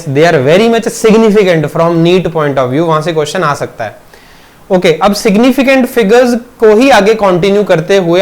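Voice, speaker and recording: Guy teaching physics, pretty high voice, goes step by step n keeps asking the class questions. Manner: explains step by step, checks understanding with questions; mixes Hindi with English terms, addresses students as beta. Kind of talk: classroom lecture. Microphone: teaching video recording.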